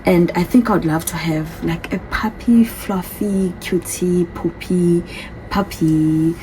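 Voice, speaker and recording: In a warm, fairly low voice with fairly even intonation, a woman in her thirties from a different continent slowly works through a casual get-to-know-me vlog. She reads the questions out and repeats her answers, on a rough phone recording with slight background noise.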